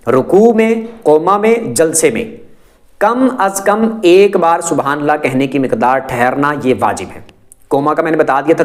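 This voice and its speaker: A man giving a methodical religious lesson, explaining step by step and often checking in with his listeners. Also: a little high. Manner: methodical, repeats points with frequent check-ins. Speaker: religious teacher.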